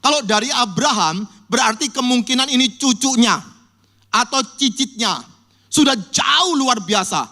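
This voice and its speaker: A male pastor preaching a sermon, telling Bible stories vividly and acting out people's cries for help in a high voice. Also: measured pace. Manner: lively storytelling, acts out cries in a high voice. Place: church.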